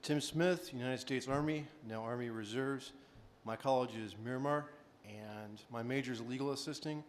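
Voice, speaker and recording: A man answering as a panelist in a brisk, matter-of-fact way. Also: medium pitch, slight background noise. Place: conference hall.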